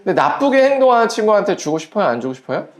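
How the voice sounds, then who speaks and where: A pastor giving a children's sermon at a church service, gently asking the children quiz questions and acting out little voices in the story. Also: medium pitch, big pitch swings, very fast, crowd noise. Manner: acts out little quoted voices while storytelling.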